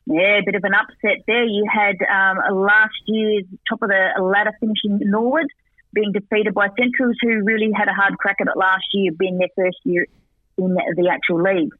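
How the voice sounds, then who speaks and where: A man giving a chatty football match recap and tips as a radio guest, rattling off stats with quick asides. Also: high-pitched, little pitch movement, no room sound. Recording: tinny dry phone line.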